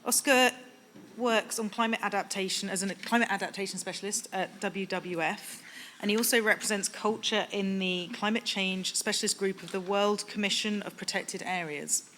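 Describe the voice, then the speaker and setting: A woman's voice: medium pitch, steady tone, moderate pace, a bit bright, slight background noise. A woman chairing a conference session, formally reading a speaker's introduction.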